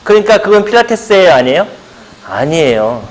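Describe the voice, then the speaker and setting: With a brisk, sing-song voice on the high side, this middle-aged male pilates instructor runs a seminar lecture. Questions go out to the room and he answers them himself, tossing in playful buzzer effects.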